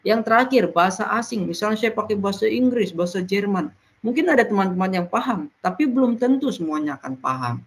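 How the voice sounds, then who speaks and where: Animated and medium-pitched, the presenter walks peers through an educational talk point by point, repeatedly pausing on "nah".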